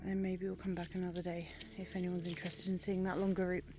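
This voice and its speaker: A woman's voice: lowish voice, flat delivery, fast, background noise. A woman chatting casually and enthusiastically as she narrates a country walk for a vlog. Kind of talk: casual chat.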